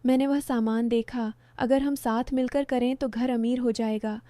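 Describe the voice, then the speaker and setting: A smooth-talking greedy young man, coaxing and wheedling in a storybook tale, as a woman narrator reads his lines. The voice sits fairly high and mellow. It is recorded dry and close. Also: steady tone, normal speed, no echo, lightly acted. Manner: persuasive, wheedling.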